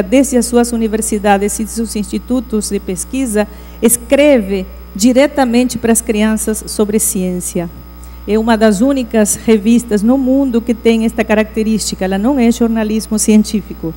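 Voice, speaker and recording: Middle-aged argentinian woman giving a talk, kinda high voice, slow earnest delivery, hall echo, bit of hum. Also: mellow. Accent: Argentine Spanish. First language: Spanish. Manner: measured, earnest, pausing mid-phrase. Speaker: education program director. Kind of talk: conference talk. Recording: reverberant hall, mains hum.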